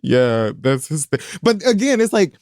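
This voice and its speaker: A man's voice: a little high, very animated, moderate pace, darkish tone, no echo. Dry-voiced joking podcast man. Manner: sarcastic, jokey, swears freely. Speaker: podcast co-host. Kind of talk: casual chat.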